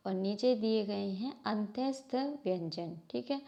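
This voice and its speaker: A woman's voice: mid-range voice, expressive, creaky, mellow, dull audio. A woman teacher giving a grammar lesson from a textbook, asking her class questions and answering them herself, sounding out letters one by one. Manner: slow, spelled-out reading of letters.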